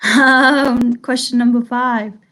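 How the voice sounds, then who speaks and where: A woman runs a live quiz stream from her home, and her voice sits a little on the high side. She chats easily between questions, then reads each one slowly and repeats it for the players. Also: fairly even intonation, a bit bright. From Salford, England. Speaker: quiz host.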